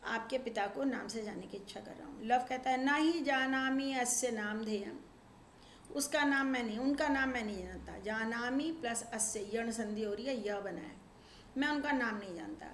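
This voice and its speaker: Woman teaching Sanskrit in an echoey room. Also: fairly high pitch. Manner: reads Sanskrit lines slowly, then explains them in Hindi. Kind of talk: explaining a textbook lesson line by line. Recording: echoey room with faint ambient noise.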